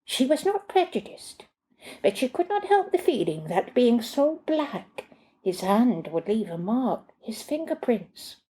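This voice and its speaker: A woman in her sixties, an author, reading her own short story aloud in a measured, deliberate way. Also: on the high side, very animated, mellow. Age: 60s.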